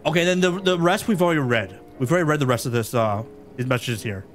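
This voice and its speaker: A man commentates a live game stream in an excitable, chatty way, laughing often and thanking viewers by name. His voice sits a bit high and swings widely in pitch. Faint game music plays underneath. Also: fast talker.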